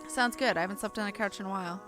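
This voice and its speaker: Talking very fast in a mid-range voice, a woman streams a game live as its music plays behind her. She performs the story text aloud with expression, then chats casually, breaking into her own sentences with reactions.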